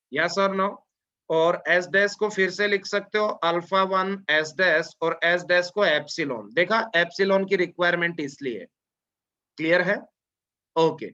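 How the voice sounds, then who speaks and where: A man teaching an online class, drawling out formulas slowly and often checking that his students follow. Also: high-pitched, bright, forceful tone. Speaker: lecturer. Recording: dull lo-fi lecture audio.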